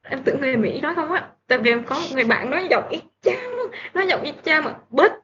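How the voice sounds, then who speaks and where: A woman's voice: sits high, lively intonation, quick pace, a crowd in the background. A woman, a guest on a podcast, chatting in a polite, friendly, lightly teasing way. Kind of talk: casual chat. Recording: dull lo-fi sound with faint noise.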